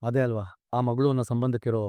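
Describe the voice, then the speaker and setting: A man's voice: medium pitch, flat delivery, quick pace, mellow, no echo, studio quality, close to an everyday voice. An actor playing a middle-aged father who is earnest and tender with his daughter, in a TV serial. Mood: probing. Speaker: father of the bride. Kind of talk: TV serial acting.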